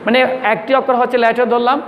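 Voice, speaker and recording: A man teaching a grammar class, his voice sitting unusually high as he repeats each term and throws questions back at the students. The room rings with a long reverb. Faint traffic can be heard outside. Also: flat delivery, dull audio. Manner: repeats terms slowly, quizzes the class, mixes English in. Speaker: school English teacher.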